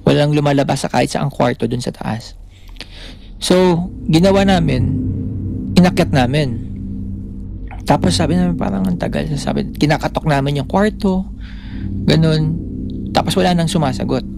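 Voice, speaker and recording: A man's voice: on the high side, normal speed, creaky, long pauses, background noise. A man co-hosting a podcast, telling a story in casual chat and acting out the voices of the people in it. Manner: animated storytelling, acting out quoted lines. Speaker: podcast co-host.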